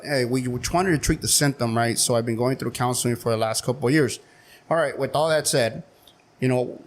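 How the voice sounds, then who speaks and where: A man in his forties chatting as an interview guest. He talks frankly and openly, loose and unpolished, with a lot of fillers and restarts, at an ordinary pitch. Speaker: podcast guest, city council member. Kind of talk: casual interview chat.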